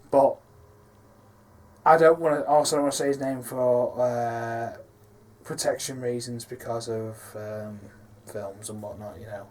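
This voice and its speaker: A man's voice: medium pitch, fairly even intonation, slow, long pauses, darkish tone. Hesitant man rambling about his films. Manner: rambling, hesitant with many fillers. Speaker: filmmaker. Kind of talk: casual behind-the-scenes talk.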